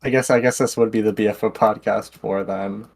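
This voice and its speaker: A man's voice: fairly low pitch, steady tone, brisk. A young man chatting easily with a friend. He is agreeable and hedges his points, stumbling and repeating words as he gets going. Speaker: co-host. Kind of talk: casual chat.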